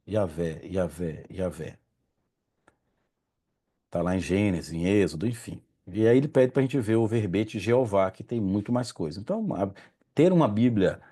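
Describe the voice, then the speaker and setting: Leading a casual religious study session, a man from Brazil speaks in a lowish, dark-toned voice. He frequently corrects himself mid-sentence and confesses he has trouble saying Hebrew names.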